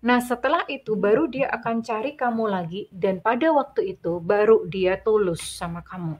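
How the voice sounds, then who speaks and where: A woman giving a tarot reading, gentle and measured, calling the listener dear. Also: medium pitch, dull audio. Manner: slow, measured listing. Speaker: tarot reader.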